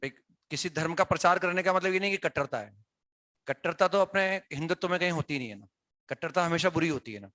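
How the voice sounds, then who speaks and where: Man, bright voice, dry close sound, chatty classroom explaining. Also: a little high, animated, quick pace, dry recording. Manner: conversational, asks students questions, frequent "है ना" tags. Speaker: teacher. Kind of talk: classroom talk to students.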